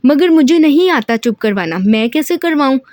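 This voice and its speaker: A woman's voice: high-pitched, lively intonation, moderate pace, darkish tone, dry recording, studio quality, voice pushed up. A woman voicing a sulky, childlike young woman who throws tantrums, in a whiny, pouting way. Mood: puzzled.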